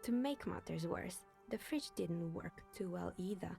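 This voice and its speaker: A woman voicing a chatty older woman in a video game, telling local stories in a dry, wry, breathy way. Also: fairly low pitch, expressive, a little slow, music in the background, exaggerated voice. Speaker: game character. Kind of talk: voiced video game dialogue.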